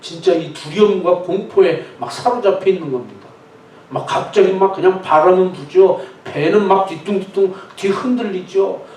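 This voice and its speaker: A man's voice: sits high, moderate pace, a little mellow. A male pastor preaching a sermon, telling the story vividly and dramatically. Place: church sanctuary. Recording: echoey church hall, distant mic.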